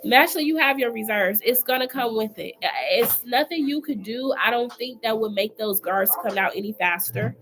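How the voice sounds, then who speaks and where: A woman's voice: fairly high pitch, expressive, moderate pace, few pauses, fairly bright tone, soft background music, poor audio. A woman giving a live-streamed tarot reading, chatty and familiar, calling the viewer girl and honey. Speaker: tarot reader.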